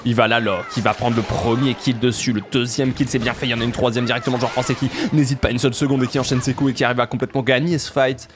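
A man playing a hyped male esports caster, calling the action in rapid hype commentary. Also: mid-range voice, level tone, lightly acted.

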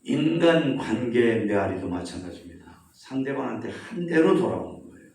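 A man preaches to a congregation in a church sanctuary. His speech is heavy with room echo, and he sounds somewhat distant from the microphone. He tells stories in an animated way and asks his listeners questions. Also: mid-range voice, moderate pace. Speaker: pastor. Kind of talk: sermon. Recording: echoey church hall, mic at a distance.

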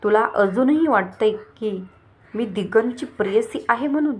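A woman storyteller narrating a family story in the first person, with a steady, expressive reading. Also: a little high, measured pace.

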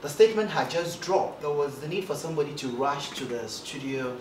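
This light, high-ish male voice belongs to a broadcast journalist guest talking a little fast in a casual interview, seated in an armchair on an indoor studio set. He gestures a lot, stays animated, and trips over his starts. Background noise and a roomy echo come through the far-off mic.

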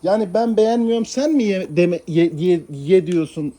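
A man's voice: high-pitched, moderate pace, mellow. A man talking casually to his cat and dog, coaxing and pleading with them in a pet-talk way. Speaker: pet owner.

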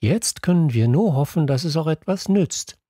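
Man doing a gentle mother. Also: fairly high pitch, lively intonation, moderate pace, no echo, studio quality, voice pushed up. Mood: hopeful. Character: kind mother at breakfast.

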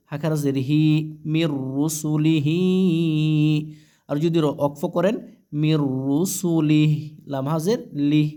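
A man teaching Quran reading, spelling out each letter and vowel mark slowly, then chanting the joined words. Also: a little high, warm tone. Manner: slow, syllable-by-syllable spelling with drawn-out recited phrases.

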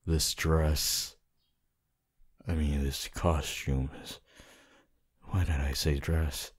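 Man voicing Hitoshi Shinsou, very deep husky flirt. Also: level tone, full character voice. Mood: tired, awkward. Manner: slow, halting, low-key delivery with sighs and pauses. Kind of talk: roleplay ASMR voice acting.

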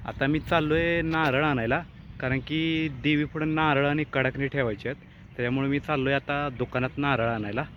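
A man's voice: mid-range voice, steady tone, a little fast, dull audio, slight background noise. Young man vlogging on the move. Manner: chatty, narrates his errands to camera. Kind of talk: casual vlog narration. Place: home and street, outdoors at times.

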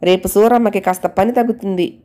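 A woman voicing a calm, patient middle-aged husband who speaks gently. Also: mid-range voice, fairly quick, lightly acted. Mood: gentle. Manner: gentle, soothing.

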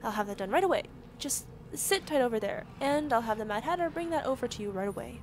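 A woman's voice: a little high, expressive, fast talker, a little hiss or hum, natural voice. A woman voicing a deferential, apologetic female rabbit servant, polite and formal, in an audio roleplay drama. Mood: helpful.

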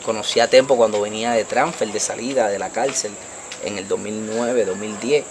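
A young Dominican man with a Puerto Rican Spanish accent recounts his story in an outdoor nighttime street interview, speaking into the interviewer's handheld mic. Animated and gesturing, he keeps asking "tú me entiendes" to make sure the listener follows. His voice runs on the low side and fairly quick, with background noise around him.

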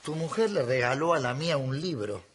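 An actor playing a grumpy, sarcastic middle-aged husband with an Argentine Rioplatense accent, in sitcom acting before a studio audience. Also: male voice, mid-range voice, lively intonation, a little fast, slight background noise, lightly acted. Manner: gruff, complaining, sarcastic.

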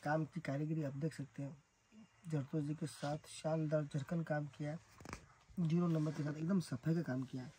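Emphatic saree seller. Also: male voice, a little high, fairly even intonation, moderate pace, background noise. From Rajasthan, India. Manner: emphatic, repetitive praise of the goods. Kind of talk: sales pitch showing products.

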